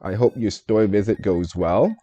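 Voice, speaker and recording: A man with a low, mellow voice talks through a live game stream, musing over his choices and joking at his own expense. The sound is dry and a little dull and lo-fi, like a home stream mic. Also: normal speed. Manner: thinks aloud, answers chat, joking and self-deprecating. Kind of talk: live gameplay stream commentary.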